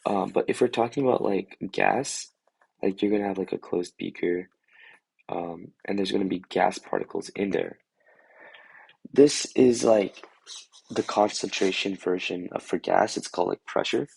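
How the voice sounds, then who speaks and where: Hoarse young man, deep and gravelly. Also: moderate pace, darkish tone, rough recording. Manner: rambling, full of "like" and "um", thinking aloud. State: hoarse from a lost voice. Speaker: student tutor. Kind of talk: casual chemistry review over a drawing screen.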